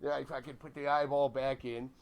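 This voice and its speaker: A middle-aged man casually telling a wild childhood story, swearing constantly and shouting out the lines of the people in it. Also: mid-range voice, level tone, a little fast, clear, resonant tone. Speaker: podcast guest.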